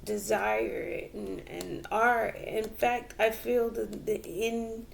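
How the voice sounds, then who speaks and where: Slow, gravelly woman reading tarot. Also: on the high side, fairly even intonation, a little hiss or hum. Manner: slow and reflective, with many fillers and restarts. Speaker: tarot reader.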